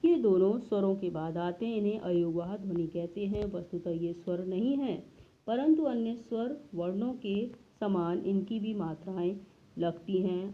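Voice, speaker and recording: Woman teacher, very slow and deliberate, slightly dull lo-fi recording. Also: mid-range voice. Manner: slow, deliberate explanation, drawing out example sounds. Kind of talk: Hindi grammar lesson.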